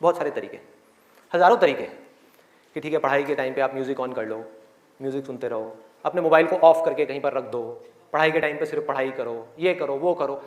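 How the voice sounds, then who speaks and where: A man's voice: medium pitch, a little fast. A man giving a motivational speech to students in a large hall, asking rhetorical questions and acting out their inner voices. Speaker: motivational speaker. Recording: echoey hall, faint crowd.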